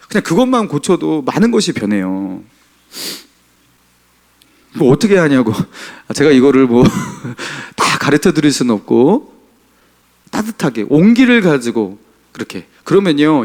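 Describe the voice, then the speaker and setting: A middle-aged pastor preaching a Sunday sermon in a church, asking the congregation questions. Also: male voice, on the high side. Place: church sanctuary.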